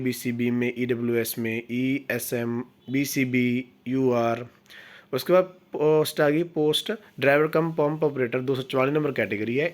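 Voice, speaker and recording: Notice पढ़कर समझाता पुरुष host. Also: male voice, medium pitch. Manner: reads English notice text slowly, then explains it in Hindi; addresses viewers as friends, asks for comments. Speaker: exam news channel host. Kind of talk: casual explainer, reading notices aloud.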